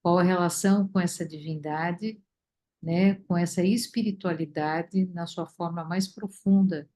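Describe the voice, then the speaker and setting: A woman leading a study group, talking reflectively with many pauses and fillers over a video call. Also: fairly low pitch, warm tone. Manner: thoughtful, many fillers and restarts.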